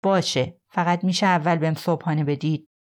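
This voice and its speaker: Woman reading as a cornered male suspect, sneering, defiant, low voice, storybook reading. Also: steady tone, natural voice. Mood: bargaining. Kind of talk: audiobook character voice.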